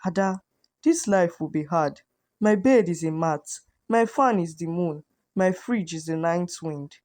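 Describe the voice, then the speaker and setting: A woman voicing a humble, gentle young man who taps palm wine, speaking softly and calmly. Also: on the high side, measured pace. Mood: tender. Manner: soft, calm.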